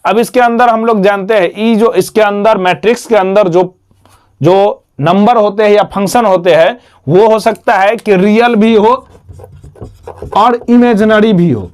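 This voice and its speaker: A man's voice: high-pitched, a little slow, darkish tone. A man teaching a math lesson, repeating each term and asking and answering his own questions. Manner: repetitive, quizzes himself with questions and answers.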